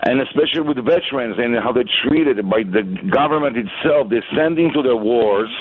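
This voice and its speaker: A man's voice: mid-range voice, brisk, breathy edge, no room sound. A middle-aged man from Poland with a Polish accent, calling in to a radio show over a landline phone, blunt and indignant with salty language. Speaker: caller. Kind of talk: call-in radio chat. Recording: tinny phone line.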